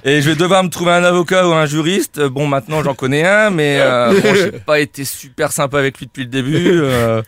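A man's voice: a little high, fairly quick, hardly any pauses, fairly bright tone, no room sound. A man with a Corsican accent reading a teasing, self-mocking comic chronicle on a radio show, full of hesitant "euh"s. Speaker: radio comedy columnist.

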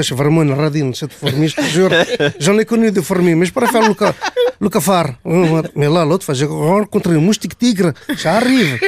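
A man's voice: high voice, darkish tone. A man playing a bumbling Portuguese immigrant as the cicada, rambling in mangled French with a put-on Portuguese accent. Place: radio studio.

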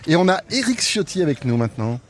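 A man's voice: on the high side, very animated, fast. A man hosting a comedy radio show, amused and cutting guests off.

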